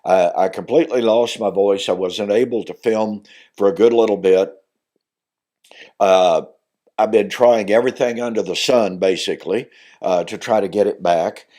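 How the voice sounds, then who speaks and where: Here an older man delivers a Bible teaching monologue as a minister on video, his fairly low, mellow voice moving at a moderate pace. The voice is weakened as he recovers from losing it, and his earnest tone becomes emphatic where the points matter most.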